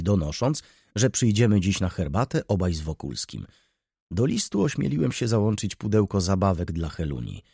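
Male audiobook narrator, low husky voice, dramatic first-person reading, lively intonation. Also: dry recording, clean studio sound.

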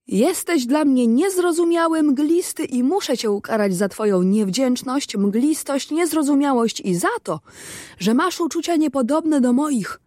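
A woman's voice: high-pitched, expressive, unhurried, darkish tone, no echo, studio quality, voice pushed up. A woman voicing a poor, distrustful fisherman in a storybook reading, in a reproachful, lecturing manner. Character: poor clever male fisherman, stern and distrustful.

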